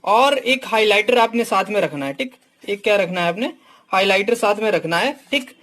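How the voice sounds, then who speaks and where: A man's voice: sits high, expressive, normal speed, a bit bright. Frank male coach, constant "theek"s. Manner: fills nearly every phrase with "ठीक"; talks straight to students, calling them "my dear". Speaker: exam coach reviewing books. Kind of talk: casual teaching talk.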